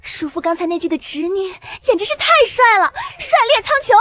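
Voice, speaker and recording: An actress playing a clever, calm young noble niece in an animated drama dub. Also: female voice, fairly high pitch, a little fast, no echo, lightly acted. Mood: playful.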